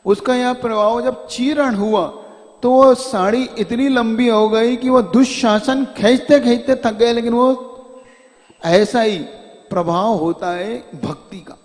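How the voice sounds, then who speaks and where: A man's voice: extremely high pitch, steady tone, takes it slowly, a little mellow. A man, a monk, telling a story in an earnest sermon, often pressing hard for emphasis. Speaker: monk preacher. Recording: long hall reverb.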